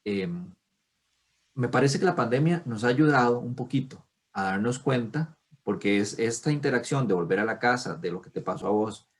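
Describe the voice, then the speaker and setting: A man hosting a casual podcast interview, chatty and enthusiastic, quick to affirm his guest. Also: medium pitch, animated. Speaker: podcast host.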